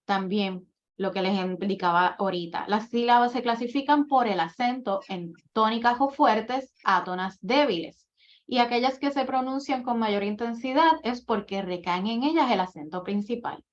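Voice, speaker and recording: A woman's voice: a little high, normal speed. A woman giving a workshop lecture, explaining writing rules step by step with example after example. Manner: methodical, lists rules and examples one by one. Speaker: admissions coordinator giving a workshop. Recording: dull lo-fi recording.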